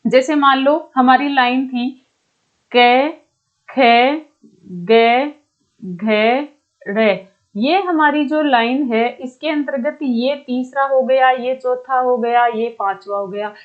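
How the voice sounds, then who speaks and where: A woman's voice: sits high, unhurried. A young woman teaching a grammar lesson online, explaining patiently and asking the class questions she then answers herself. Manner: explains patiently, repeats and asks questions back to students. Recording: dull lo-fi recording.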